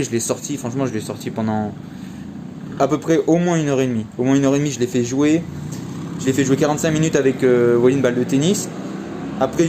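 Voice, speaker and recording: A man's voice: mid-range voice, warm tone, a little hiss or hum. A young man telling a casual story in a vlog, chatty and slangy, full of fillers. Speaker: vlogger.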